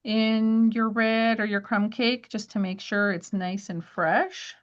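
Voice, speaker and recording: A woman's voice: fairly high pitch, steady tone, takes it slowly, lo-fi sound. A woman teaching a live crafting class at home, chatty and friendly, walking viewers through each step. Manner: chatty, friendly instructing with little laughs.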